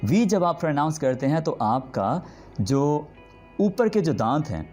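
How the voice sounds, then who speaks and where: A man teaching English pronunciation. He explains patiently and says each example word slowly and drawn out, often stopping to check in with the learner. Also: a little high, sing-song, darkish tone, soft background music. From Pakistan. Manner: drawn-out demonstration words repeated slowly. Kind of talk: spoken language lesson.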